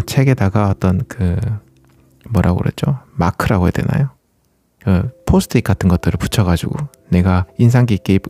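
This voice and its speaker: A man hosts a running channel, talking casually and politely as he explains things to listeners and asks them questions. His voice is lowish and warm.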